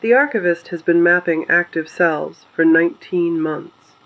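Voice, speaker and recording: Playing a grave resistance radio host in a dystopian script, the performer speaks deliberately in short, solemn, resolute phrases, sounding quietly defiant. The voice is natural and medium-pitched, though the audio is dull.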